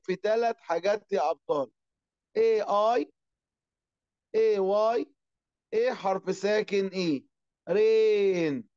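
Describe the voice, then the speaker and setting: A man with an Egyptian Arabic accent teaching an online class. He asks and answers his own questions and draws out English words slowly. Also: sits high, darkish tone, lo-fi sound.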